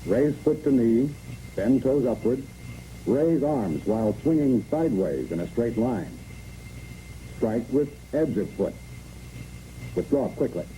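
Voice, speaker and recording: This American narrator of a 1960s military training film reads his script as crisp imperatives, one step at a time. His medium-pitched voice is warm and unhurried, lively in intonation, with frequent pauses, and the soundtrack is noisy and muffled.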